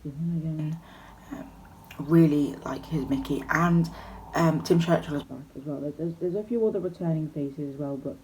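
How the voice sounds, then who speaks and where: Low-voiced woman vlogging about theatre. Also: moderate pace, hardly any pauses, mellow, slight background noise, poor audio. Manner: chatty and enthusiastic, many fillers and restarts. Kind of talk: casual vlog chat to camera.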